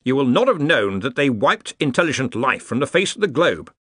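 A man voicing a gruff, bossy male head wizard who talks briskly and gives orders. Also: medium pitch, very animated, a bit bright, no echo, clean studio sound, voice pushed up. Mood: commanding. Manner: brisk and commanding.

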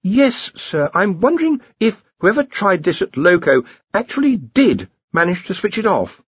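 A male narrator performs a full character voice as a jittery young wizard scholar, speaking high and haltingly with lively swoops and a husky grain. Deferential, anxious and polite, he mumbles hesitantly through worried reasoning. The dry, close audio is a touch muffled.

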